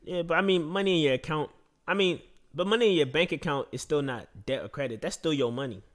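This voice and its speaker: A man co-hosting a casual podcast, relaxed and supportive. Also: fairly high pitch, fast. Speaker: co-host.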